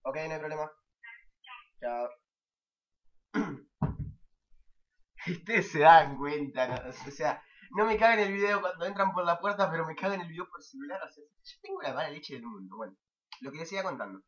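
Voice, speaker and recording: A young male vlogger with an Argentine Spanish accent tells a casual anecdote as a profane, exasperated rant. His voice is on the high side and a bit bright, at a moderate pace with long pauses, captured on dull lo-fi audio from a distant mic.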